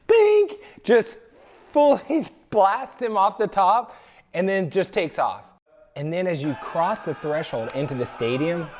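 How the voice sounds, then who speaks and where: A young man vlogging to camera, telling a story with excitement and acting out the screams and quotes of others. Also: fairly high pitch. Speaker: travel vlogger.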